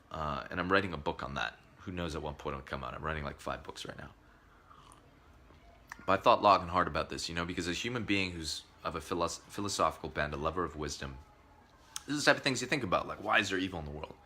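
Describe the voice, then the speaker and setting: A man giving a spiritual talk, telling a story in an earnest, animated way that swings between loud outbursts and soft murmurs. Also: low-pitched.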